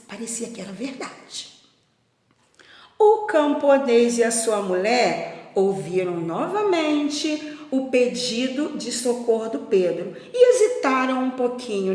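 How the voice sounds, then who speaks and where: Expressive teacher telling a story. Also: female voice, on the high side. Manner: expressive, gentle, asks the children questions. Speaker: primary school teacher. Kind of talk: storytelling for children. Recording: echoey room with long reverb.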